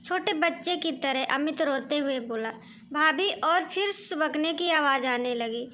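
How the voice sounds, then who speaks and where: A woman narrates a scripted family story in a high, clear voice. Her delivery is steady and earnest. A faint hiss sits under the recording. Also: unhurried.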